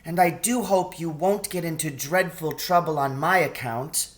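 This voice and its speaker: A man voicing a kind, polite young girl in a storybook, speaking with earnest, slightly anxious gentleness. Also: a little high, moderate pace, voice pushed up, close to an everyday voice. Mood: warm, reassuring.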